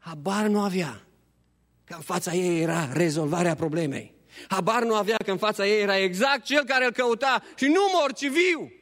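High-voiced preacher in echoing church. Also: male voice, lively intonation. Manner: impassioned preaching, swinging between hushed appeals and high pleading. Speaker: pastor. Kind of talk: Easter sermon. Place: church hall. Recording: long church hall reverb.

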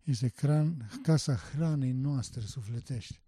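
Male preacher, dark warm voice, passionate emphatic delivery, dry recording. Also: mid-range voice, slightly rough, no room sound. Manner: emphatic, rising to loud passionate stress; rhetorical questions. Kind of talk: sermon.

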